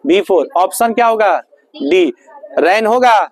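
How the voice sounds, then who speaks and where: A man's voice: high voice, lively intonation, a little slow, vocal fry, rough recording. A male teacher running a grammar lesson in a classroom, firing repeated questions at his students.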